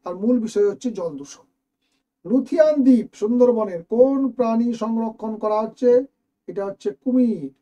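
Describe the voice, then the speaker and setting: A man's voice: very high voice, dark tone, dull audio. A man teaching a lesson, working through exam questions step by step and speaking directly to his students. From West Bengal, India.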